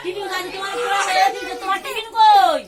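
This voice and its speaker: A woman's voice: very high-pitched, steady tone, quick pace. A woman teacher in a busy classroom, coaxing and scolding a crying child with repeated commands. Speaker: school teacher. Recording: loud classroom crowd noise. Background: children crying and chattering.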